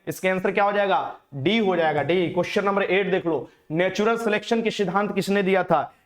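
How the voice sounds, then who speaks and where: A man teaching a live exam-prep quiz, repeating each question and teasing his students. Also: high voice. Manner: teasing, repeats questions, mixes in English words. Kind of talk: live online quiz lesson.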